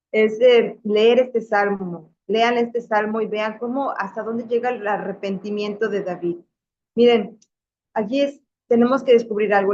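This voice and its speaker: A woman's voice: medium pitch, slight background noise. A middle-aged woman, a religious sister, teaching a Bible class in a chatty, anecdotal way, full of restarts and tag questions. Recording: dull, muffled lo-fi sound.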